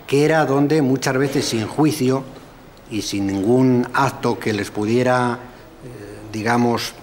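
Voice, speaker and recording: A mid-pitched man with an accent from Spain gives an informal guided explanation on site. He often seeks agreement as he goes, with slight noise around him. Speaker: local guide. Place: speaking on site at a cloister.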